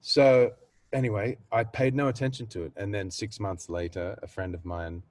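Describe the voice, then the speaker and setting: An Australian man, a singer and voice coach, talking earnestly and reflectively as a guest in a casual interview, often pausing and restarting his thoughts. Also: on the low side, fairly even intonation, darkish tone, no echo.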